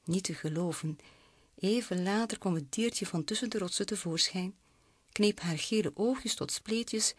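Woman reading a kids story out loud, husky, dry close sound. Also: mid-range voice, dry recording. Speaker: audiobook narrator. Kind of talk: storybook narration in first person.

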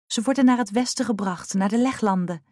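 A woman's voice: medium pitch, a little fast, a little mellow, no echo, clean studio sound, natural voice. A woman voicing a determined young girl in an audiobook, earnest and resolute though scared. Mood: troubled.

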